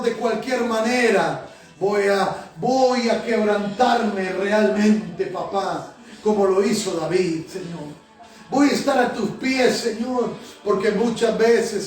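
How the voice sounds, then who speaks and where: Male pastor, high-pitched, fervent prayer, heard from across a reverberant sanctuary. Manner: fervent, repeating Señor and Padre between phrases. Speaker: pastor and prophet. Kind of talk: sermon and spoken prayer. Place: church sanctuary. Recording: echoey church hall from a distance. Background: soft music.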